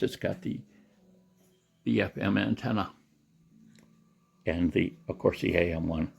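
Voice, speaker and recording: A presenter shows off a secondhand gadget in a casual, unscripted demonstration, rambling and matter-of-fact. His voice sits low, with vocal fry, a breathy edge, and a slightly mellow tone.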